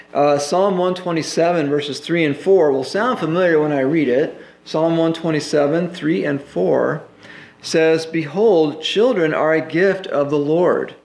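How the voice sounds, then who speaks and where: A man's voice: on the high side, vocal fry, roomy sound. A man pastor teaching a Bible sermon in a conversational way, full of "you know" fillers.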